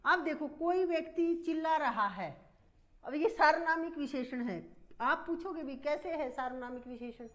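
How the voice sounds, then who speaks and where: A woman with a high-pitched voice takes her students through a grammar lesson. She moves step by step, putting a question to the class and then answering it herself. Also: normal speed. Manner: explains step by step, repeatedly asking and answering her own questions. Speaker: Hindi grammar teacher.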